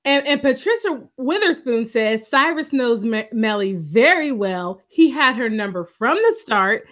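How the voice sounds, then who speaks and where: A woman's voice: a little high, expressive, unhurried, a bit bright. A woman co-hosting a casual TV recap podcast, telling the story expressively and laughing often. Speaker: podcast co-host. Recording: dull lo-fi audio.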